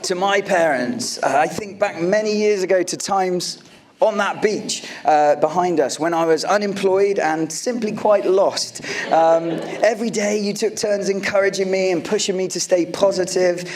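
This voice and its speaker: A man's voice: sits high, moderate pace, darkish tone. A man in his late thirties, a groom giving an affectionate, joking wedding toast to his guests. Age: late 30s. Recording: live event with audience laughter. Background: wedding guests laughing and reacting.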